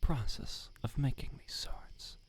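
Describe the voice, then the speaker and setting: A male ASMR voice actor whispers slowly in lightly acted roleplay as a prickly, irritable village swordsmith. He lectures with exasperated, sarcastic scolding.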